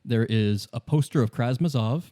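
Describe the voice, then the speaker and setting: A man with a warm, medium-pitched voice acts as game master for a tabletop game, narrating in the second person. He improvises haltingly and repeats phrases.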